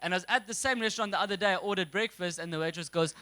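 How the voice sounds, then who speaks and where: A man's voice: high-pitched, rapid-fire. A young man from South Africa with an Afrikaans accent, doing a stand-up comedy set and dropping into mocking voices for the people in his stories. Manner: animated, slips into mocking voices for characters.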